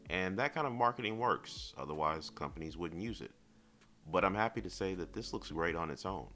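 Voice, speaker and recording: A man reviews collectibles in semi-scripted narration over background music, measured, articulate, and lightly wry. His voice is low-pitched and expressive, with a sharp tone.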